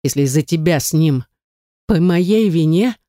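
A woman's voice: deep voice, animated, moderate pace, dark tone, dry recording, studio quality. A woman reading the lines of a hostile young man who snaps and curses harshly. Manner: harsh, snapping, cursing. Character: angry, hostile young man, brother's defender.

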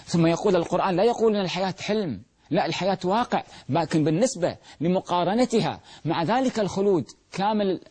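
A man's voice: sits high, expressive, fast talker, a little mellow, breathy edge. A man giving a televised religious talk, emphatic, asking rhetorical questions and answering them himself. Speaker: religious lecturer.

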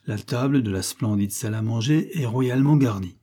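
A man narrating a short story in a measured, theatrical audiobook reading. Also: mid-range voice, dark tone.

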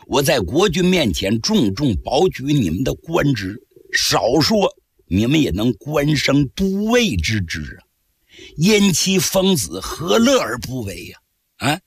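A man voicing a cunning captured general who pleads and bargains in a low, wheedling voice, in traditional storytelling. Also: slightly rough, no room sound, exaggerated voice. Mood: pleading. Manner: low, wheedling, slyly persuasive. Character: captured male enemy general, cunning, pleading then menacing.

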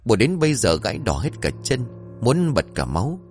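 A man narrating a story in an expressive, dramatic way, with faint music behind. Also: medium pitch, moderate pace.

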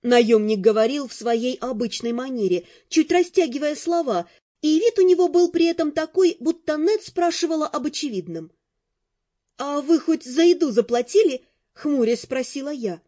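A woman narrating a fantasy audiobook in first person, with an expressive reading. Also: sits high, moderate pace.

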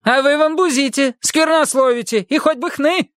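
A man voicing a shrill, scolding middle-aged housekeeper woman in a storybook reading. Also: moderate pace, a bit bright, no room sound, studio quality.

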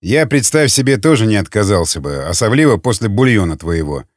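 A man voicing a gruff older male raider with a dry, mocking manner and curt commands. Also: fairly low pitch, big pitch swings, fairly quick, no echo, voice pushed down. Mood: wry.

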